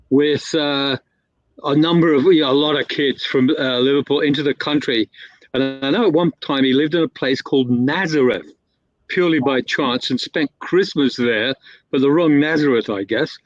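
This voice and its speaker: Speaking at a moderate pace in a medium register, a man rambles through a lengthy story as a guest, stumbling over fillers and correcting himself often. The sound is dull, dry and lo-fi, without any echo.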